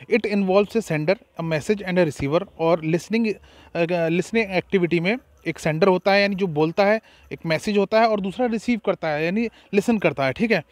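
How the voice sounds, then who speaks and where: A high-voiced man gives an exam-prep lecture. He reads notes slowly and then explains them, often adding "ठीक है". The sound is close and completely dry, with no room in it. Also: dry recording. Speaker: teacher.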